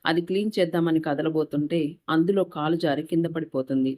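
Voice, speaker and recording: A woman narrating a moral story in a steady, even reading voice. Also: deep voice, brisk.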